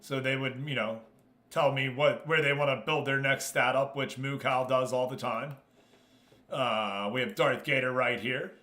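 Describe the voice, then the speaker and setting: Live-streaming from the United States, a man commentates on a game and chats easily with his viewers, switching between addressing them and explaining what's happening. He has a medium-pitched, steady, sharp-toned voice and speaks at normal speed.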